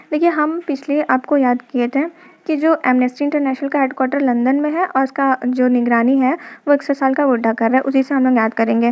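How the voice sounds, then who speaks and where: A high-pitched woman teaches an exam-prep lesson, walking through memory tricks step by step. She keeps asking questions and answering them herself. The recording sounds dull and lo-fi. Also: a little mellow.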